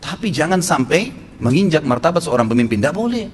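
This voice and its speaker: A man's voice: on the high side, sing-song, a little fast. A man preaching a sermon with blunt, emphatic advice. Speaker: Islamic preacher. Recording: long echo in a hall, faint noise.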